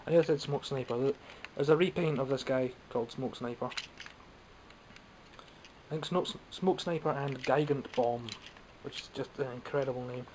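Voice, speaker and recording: A young man from Scotland who collects toys chats casually about his haul from behind the camera, wry, rambling and self-mocking. He speaks at normal speed with a medium pitch, somewhat phlegmy and coughing at times. Background noise is audible on the camera mic.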